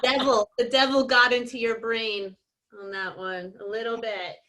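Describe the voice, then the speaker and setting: A woman's voice: fairly high pitch, fairly even intonation, moderate pace, sharp tone. A woman hosting and judging a contest in a casual, mock-serious style. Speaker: contest judge and host.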